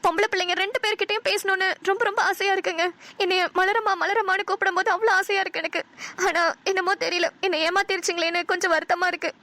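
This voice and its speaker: Lady voicing a naggy old cartoon wife, super high bright voice, talks fast. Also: fairly even intonation, no echo. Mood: heartfelt. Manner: scolding, emotional. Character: elderly wife and mother-in-law, warm but nagging. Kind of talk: cartoon dialogue.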